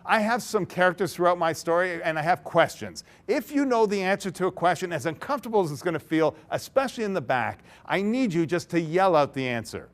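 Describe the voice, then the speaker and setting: A keynote speaker with a high voice and lively intonation talks briskly, barely pausing, in a large conference hall. His talk to the big audience is interactive: he tells a story, acts out its characters, and laughs often.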